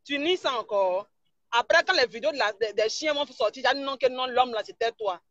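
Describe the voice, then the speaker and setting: A woman's voice: high-pitched, lively intonation, brisk, a bit bright, dry recording, highs cut off. A woman blogger, ranting mockingly and insulting someone during a live stream. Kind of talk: live-stream gossip rant.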